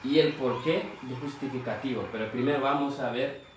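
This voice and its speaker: A man whose first language is Fula, teaching a language lesson slowly and checking in with "¿vale?" after nearly every point. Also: mid-range voice, fairly even intonation, noisy background. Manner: slow, repeats words and asks "¿vale?" often. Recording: very echoey room, mic at a distance, music behind. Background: background music.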